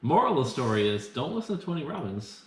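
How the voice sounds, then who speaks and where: Fast and sing-song at a medium pitch, this man hosts a laid-back film review show while growing steadily drunker. His banter wanders, laced with sarcasm and crude remarks, and the room gives the audio a lot of echo.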